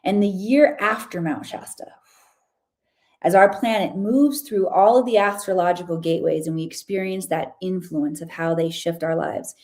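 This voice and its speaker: A woman's voice: on the low side, moderate pace, a little mellow. A woman hosting a podcast, giving an enthusiastic, chatty spiritual reading with casual slang. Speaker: podcast host and Akashic reader.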